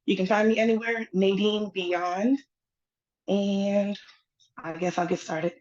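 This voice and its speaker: A woman performing spoken-word poetry over a video call, with slow, rhythmic lines and a half-sung refrain. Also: mid-range voice, fairly even intonation, darkish tone, dull audio. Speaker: poet performing at open mic.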